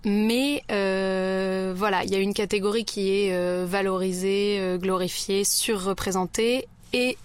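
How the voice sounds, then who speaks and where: A woman's voice: medium pitch, steady tone, measured pace, few pauses, clear, resonant tone. Young woman, thoughtful student. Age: young adult. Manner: thoughtful, many fillers. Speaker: student photographer. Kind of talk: radio interview guest.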